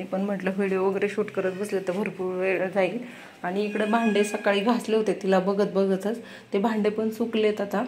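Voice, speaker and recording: A woman's voice: mid-range voice, a little mellow, slight background noise. A young woman with a Marathi accent vlogging at home, coaxing her toddler in a sing-song voice and chatting to camera. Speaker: vlogger and mother. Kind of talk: casual home vlog, talking to a baby.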